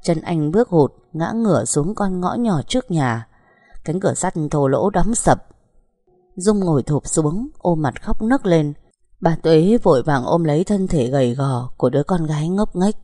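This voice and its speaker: Woman narrator, low pitch, dark mellow tone, dry close sound, scripted story reading. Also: animated, normal speed, no room sound.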